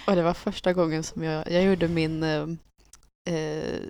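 A young woman chatting casually, telling a story at her own expense. Her voice sits a little low, and the sound is close and dry. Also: little pitch movement, a little mellow, clear, resonant tone, no echo. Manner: chatty, self-mocking storyteller. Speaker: podcast co-host. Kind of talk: casual chat.

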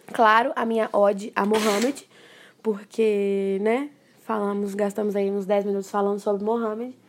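A woman hosting a podcast, telling a story in a lively, emphatic way and laughing often. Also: a little high, slight background noise. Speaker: podcast host. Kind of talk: casual storytelling chat.

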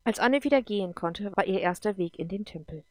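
A woman reading a science fiction story aloud in a steady, even storytelling manner. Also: medium pitch, a little fast. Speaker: narrator. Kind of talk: audiobook reading.

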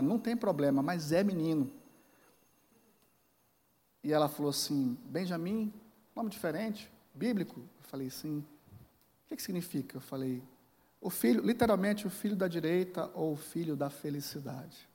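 A man's voice: fairly high pitch, expressive, moderate pace, dark tone. A man in his forties with a Brazilian Portuguese accent, preaching a sermon as a pastor and telling a personal story with acted dialogue and emotional swings. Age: 40s. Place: large church hall. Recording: church hall with long reverb.

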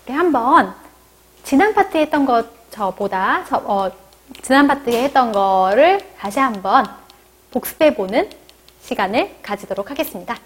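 Female instructor, high pitch, patient step-by-step pronunciation lesson, close mic. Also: slightly rough. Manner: explains step by step, then models sounds slowly for repetition. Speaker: language teacher.

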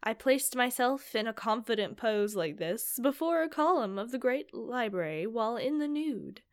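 A woman voicing a boastful, confident male vampire, reading slowly and savoring each line, a little nasal from a cold. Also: on the high side, lively intonation.

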